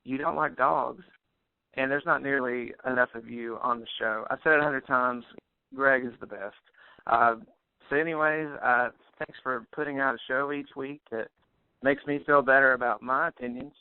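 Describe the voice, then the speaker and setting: A man's voice: medium pitch, fairly even intonation, smooth, no echo. Man calling in on a landline, chatty and teasing. Tinny, dry phone sound. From Tennessee. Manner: chatty, teasing, halting with fillers. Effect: heard over a landline phone line. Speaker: voicemail caller.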